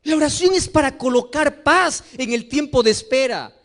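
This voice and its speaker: A man's voice: very high-pitched, animated, moderate pace, a bit bright. A middle-aged male pastor preaching a sermon to his congregation, impassioned and sing-song, often putting questions to the listeners. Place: church before a congregation.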